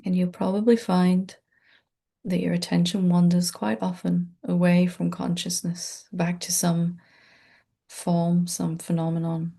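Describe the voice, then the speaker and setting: A female meditation guide talks listeners through a gentle, unscripted practice with a soothing, easygoing, reassuring manner. Her lowish voice comes across creaky and husky.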